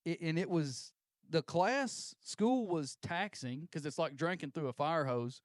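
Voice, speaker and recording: Easygoing man, fairly high voice. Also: animated, unhurried, no room sound, studio quality. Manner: easygoing storyteller, joking. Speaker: podcast guest, auctioneer. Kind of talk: casual chat. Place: podcast studio.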